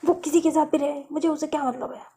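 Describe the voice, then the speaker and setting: A woman's voice: high voice, steady tone, fast talker, mellow, a little hiss or hum, voice pushed up, close to an everyday voice. A woman voicing a hurt, angry young woman who lashes out and questions herself, in a read-aloud love story. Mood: anguished. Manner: bitter, outburst-prone, self-questioning. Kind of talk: storybook reading.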